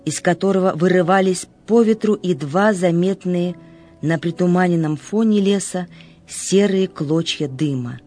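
A woman's voice: fairly low pitch, unhurried, darkish tone, soft background music. A woman reading scripted literary narration as the narrator of a story.

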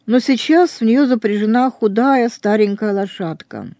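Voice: mid-range voice, normal speed, warm tone, no echo, studio quality. A reader retelling a novel with earnest, emphatic religious commentary.

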